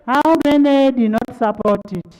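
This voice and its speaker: A Ugandan-accented speaker of parliament chairs a debate formally. The voice is smooth and resonant, moving slowly and with deliberate authority. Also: medium pitch, darkish tone, a faint crowd, low-quality recording. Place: large parliament chamber.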